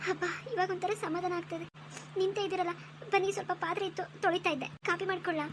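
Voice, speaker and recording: A woman voicing a kind, pregnant young village wife in a cartoon story, speaking in a soft, caring, forgiving way. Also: extremely high pitch, fairly even intonation, fast, a little hiss or hum.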